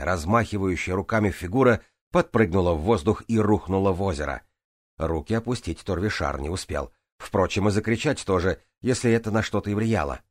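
A man narrating a first-person audiobook in a steady, even reading. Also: deep voice, no echo, clean studio sound.

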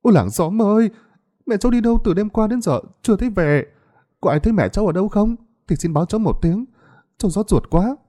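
A man voicing a scheming young woman who wails loudly in feigned grief. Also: medium pitch, animated, normal speed, hardly any pauses, pitched above the performer's own voice, natural voice. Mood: wailing. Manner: loud, theatrical wailing.

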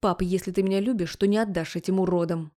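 A woman's voice: fairly low pitch, steady tone, quick pace, dark tone, natural voice. A woman voicing a defiant, sarcastic young heroine in an audiobook. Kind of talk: audiobook character voice.

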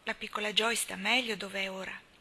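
A woman voicing a reserved, stern older woman who consoles quietly with stock phrases. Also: mid-range voice, fairly even intonation, normal speed. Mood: subdued.

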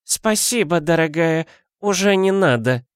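A man voicing a stern, sharp-tongued old village woman who scolds and warns. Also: fairly high pitch, lively intonation, a little slow, clean tone, no echo, studio quality, voice pushed up. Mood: cold. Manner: scolding, warning.

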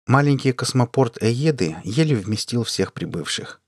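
A man reading a science fiction story aloud as an audiobook narrator, in an even, measured way. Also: medium pitch, no echo, studio quality. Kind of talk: scripted narration.

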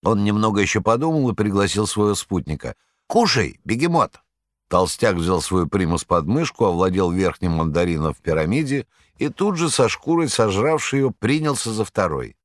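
A man reading a story aloud with lively, dramatic delivery. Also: low-pitched, a little fast, dry recording, clean studio sound. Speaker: narrator. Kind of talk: scripted narration.

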